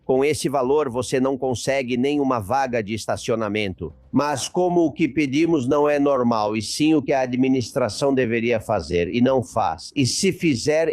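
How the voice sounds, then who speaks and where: A man's voice: medium pitch, darkish tone, dry recording. A man hosting a political talk show, reading out a listener's message and making an indignant appeal to his audience. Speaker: host.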